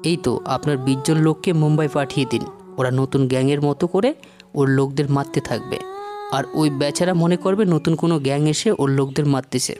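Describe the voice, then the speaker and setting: A woman doing a low-voiced scheming young gangster. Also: a little fast, over music, lightly acted. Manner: calm, persuasive. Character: cunning young male gangster, scheming protective brother.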